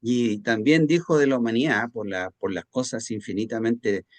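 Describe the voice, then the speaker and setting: A man's voice: mid-range voice, normal speed, no room sound. A man in a mid-range voice leads a seminar, conversational and explanatory, slipping into short acted examples of everyday dialogue. The recording is dry and close. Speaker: doctor leading a seminar.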